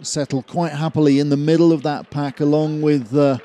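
A man commentating on a cross-country ski race, measured and full of fillers, rising in energy near the finish. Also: fairly high pitch, level tone, mellow, no room sound. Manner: measured, hesitant with frequent fillers, builds at the finish. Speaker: sports commentator.

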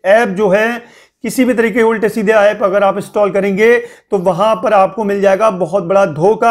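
A young man hosting a casual spoken news update, warning his viewers and scolding them with repeated pleas. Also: high voice. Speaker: news channel host.

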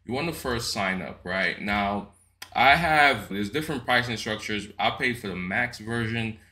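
A man's voice: lowish voice, moderate pace, bright, forceful tone. A man hosting a casual tech tutorial, walking through a program step by step with chatty "right?" tags and frequent restarts. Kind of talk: casual screen-recorded software walkthrough.

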